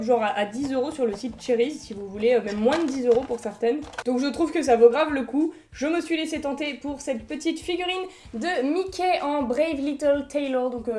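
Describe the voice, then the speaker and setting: A woman's voice: sits high, mellow. A young French woman chatting enthusiastically as she unboxes collectible figurines in a casual vlog. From France.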